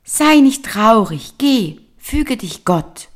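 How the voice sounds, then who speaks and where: A woman voicing a kind magical golden fish who gently reassures an old man in a fairy-tale reading. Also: on the high side, very animated, slow pace, voice pushed up. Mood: soothing.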